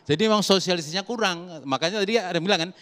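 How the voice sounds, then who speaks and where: A man's voice: high voice, rapid-fire. A man arguing emphatically as a guest commentator on a political talk show. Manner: emphatic, lively argumentative.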